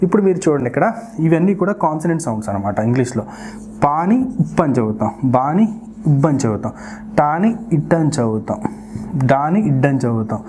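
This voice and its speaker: A woman's voice: low voice, animated, fast talker, mellow, a little hiss or hum. A woman teaching a spoken English pronunciation lesson, patiently repeating each sound in a drill and explaining it directly to her learners.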